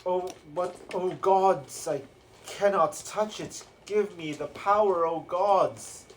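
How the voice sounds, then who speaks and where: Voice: medium pitch, takes it slowly, a little hiss or hum, pitched above the performer's own voice, close to an everyday voice. A man voicing a dumb, brutish male peasant locked in a cage. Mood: pleading.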